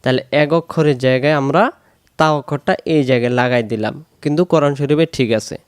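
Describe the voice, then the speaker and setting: A man teaching Quran recitation, slowly repeating syllables to drill pronunciation. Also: mid-range voice, clear, resonant tone, no echo, studio quality. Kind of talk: recitation lesson.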